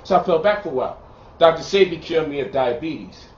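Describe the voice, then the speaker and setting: A man's voice: a little high, expressive, fairly quick, slight background noise. A man from Brooklyn, a lecturer and author, talking heatedly and boastfully in a sit-down interview with a preacher-like cadence. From Brooklyn, New York. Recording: roomy, distant, muffled recording.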